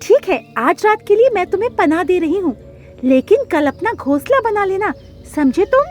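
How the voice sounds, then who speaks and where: A woman voicing a kind, gentle young female sparrow in a cartoon, with a high, pleading manner. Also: very animated, moderate pace, soft background music.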